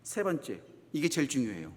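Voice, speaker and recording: A middle-aged Korean man preaching a sermon. He talks fast, repeats phrases for emphasis, and moves between loud exhortation and hushed asides. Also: medium pitch, very animated. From South Korea. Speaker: associate pastor. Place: church sanctuary. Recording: long hall reverb of a church.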